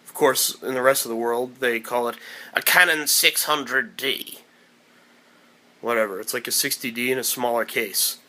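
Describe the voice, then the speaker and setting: A man's voice: medium pitch, steady tone, moderate pace, sharp tone. A man talking casually to camera in a vlog, rambling and restarting his sentences. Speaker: vlogger.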